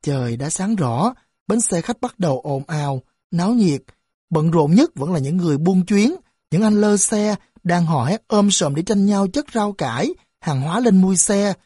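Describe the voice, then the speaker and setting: Audiobook narrator: a woman, low and dark, measured reading. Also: expressive, breathy edge, dry recording, clean studio sound. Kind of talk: scripted narration.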